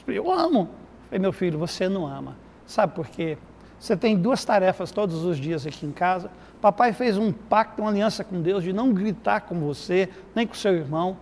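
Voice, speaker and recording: A middle-aged man, a pastor and therapist, telling a lively anecdote full of quoted dialogue in a TV studio interview. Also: high-pitched. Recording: reverberant studio with faint noise.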